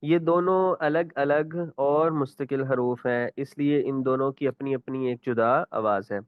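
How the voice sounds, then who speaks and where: Patient Urdu-accented teacher on a tinny line. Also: male voice, medium pitch, clear, resonant tone, dry recording. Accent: Pakistani Urdu. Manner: explains patiently, repeats questions, then recites example words slowly. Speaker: Quran recitation teacher. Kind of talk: online tajweed lesson.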